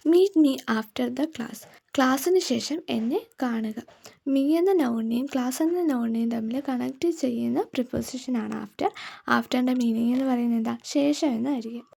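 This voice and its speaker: A woman teacher explaining grammar, reading her example sentences slowly and deliberately. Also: a little high, warm tone, breathy edge.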